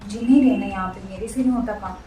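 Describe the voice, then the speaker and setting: A woman's voice: mid-range voice, fast, mellow. A woman playing a lazy, complaining daughter-in-law in a home-made family skit, sulky in tone. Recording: echoey room, mic far off, faint music.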